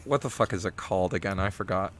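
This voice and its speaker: A man's voice: sits low, fast talker, fairly bright tone. A man in his twenties co-hosting a casual podcast, offhand and swearing casually. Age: 20s. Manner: laid-back, offhand, swearing. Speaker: podcast co-host.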